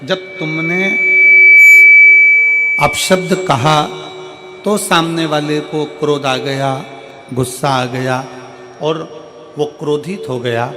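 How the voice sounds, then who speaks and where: At a live religious gathering in a large hall, a male preacher tells a religious story in a devotional sermon to a crowd, with music in the background. His fairly high voice is slow and fairly even, with frequent pauses, as he repeats phrases in a building rhythm and breaks into a sung hymn.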